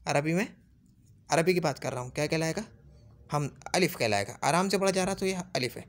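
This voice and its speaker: A man's voice: on the high side, expressive, a little fast. A man teaching Arabic grammar, patiently repeating points and checking whether his listeners have understood. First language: Urdu. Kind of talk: classroom lesson.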